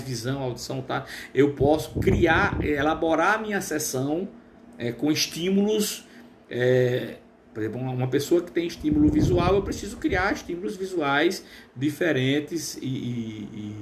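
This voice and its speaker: A man, hosting a casual live stream as a therapist, chatty and full of fillers, with a trained, smooth voice. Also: a little high, background noise. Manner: chatty, reads viewer comments aloud with many fillers.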